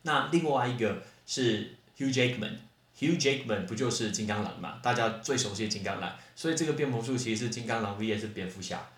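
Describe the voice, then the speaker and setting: A man hosting a casual English vocabulary lesson, chatty and animated, spelling words out letter by letter. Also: on the low side, brisk, echoey room. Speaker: English teacher podcast host.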